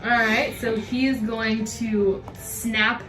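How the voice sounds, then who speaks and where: A woman running a tabletop game as dungeon master, brisk and tallying rolls and damage aloud. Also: fairly high pitch, level tone, a bit bright, echoey room, soft background music.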